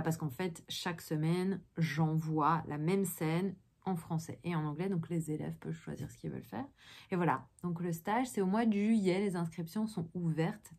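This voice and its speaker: A woman's voice: sits low, a little mellow. A woman with a Belgian French accent, an actress chatting casually through a day-in-the-life vlog in a loose, rambling way. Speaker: actress and vlogger.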